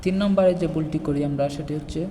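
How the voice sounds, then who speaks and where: A man teaching Quran recitation, explaining pronunciation and slowly chanting the verses in a drawn-out melodic style. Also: a little high, mellow, a little hiss or hum. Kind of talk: explaining recitation mistakes in Bengali. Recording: long reverb and faint music.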